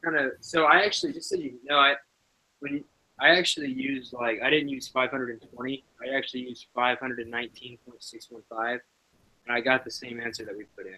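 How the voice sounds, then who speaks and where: A man's voice: medium pitch, steady tone, a little fast, bright, forceful tone, rough recording. A man in a student study group, chatting casually about his answers with lots of fillers.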